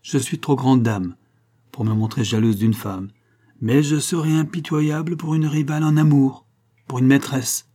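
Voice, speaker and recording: A man's voice: mid-range voice, level tone, a little slow, dark tone, voice pushed up, close to an everyday voice. A man voicing a jealous, ruthless young noblewoman who speaks in a commanding, demanding way. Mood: imperious.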